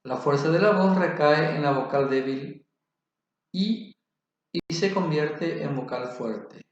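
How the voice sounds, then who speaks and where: A man giving a spoken grammar lesson, slow and deliberate, spelling out examples. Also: on the high side. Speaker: teacher. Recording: very echoey, dull lo-fi room.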